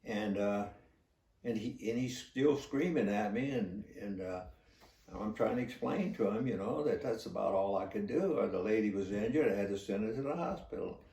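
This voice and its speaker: An older man, a former police officer, telling a story in a halting, plainspoken way. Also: lowish voice, dark tone. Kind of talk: casual spoken storytelling. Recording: roomy echo, distant from the mic.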